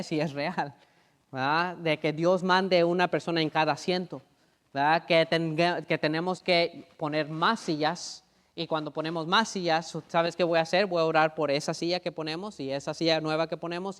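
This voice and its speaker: Male pastor preaching, voice a bit high, keeps asking his people if they follow, long echo off the church walls. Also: a bit bright. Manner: repeats phrases for emphasis. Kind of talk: sermon. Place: church sanctuary.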